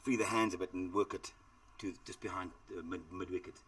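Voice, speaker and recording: A middle-aged South African man commentates live cricket, chatty and rambling, with plenty of fillers. His voice sits very low. He is picked up from a little way back from the microphone. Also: fairly even intonation, brisk, fairly bright tone, far from the mic, a little hiss or hum.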